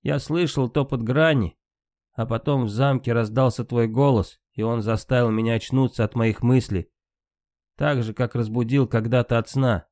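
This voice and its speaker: A man's voice: medium pitch, steady tone, moderate pace, darkish tone, no echo, natural voice. A man voicing a proud, grieving valkyrie queen in an audiobook, with a raised, impassioned delivery. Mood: weary.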